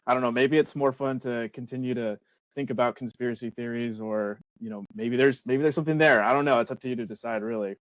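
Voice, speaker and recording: A man's voice: mid-range voice, fast talker, no echo. Man, podcast co-host, hesitant, restarts, dull lo-fi sound, dry. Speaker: military veteran. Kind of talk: casual podcast chat.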